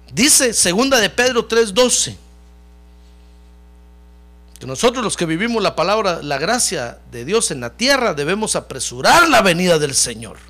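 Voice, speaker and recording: High pitched preacher man, swoops up and down a lot, gravelly, keeps saying brother to the crowd. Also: pushed and bright. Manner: preaches directly to the congregation, often calling them "hermano"; has the congregation repeat phrases after him. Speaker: pastor. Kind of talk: sermon.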